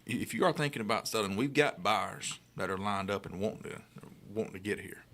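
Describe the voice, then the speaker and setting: A man's voice: on the low side, brisk, a bit bright, a little hiss or hum. A man co-hosting radio in casual, plain-spoken, folksy conversation. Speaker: radio co-host, real estate agent. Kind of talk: casual on-air chat. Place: radio studio.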